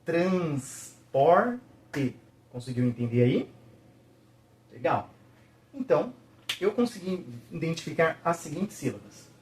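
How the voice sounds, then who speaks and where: A man teaching a video lesson, patiently checking in with the viewer and slowly sounding out each syllable. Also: fairly high pitch, big pitch swings, slight background noise.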